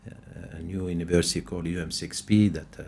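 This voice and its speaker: A man with a deep voice and a Moroccan accent, native in Moroccan Arabic, talks as a scientist guest on a podcast. He answers conversationally, with faint noise in the background. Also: fairly even intonation, a little fast, gravelly, darkish tone.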